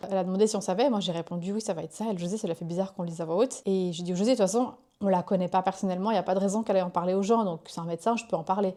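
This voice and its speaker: A woman's voice: medium pitch, warm tone. A young woman, pregnant, chatting casually to her viewers in a rambling, self-interrupting way. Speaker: vlogger. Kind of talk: casual chat to camera.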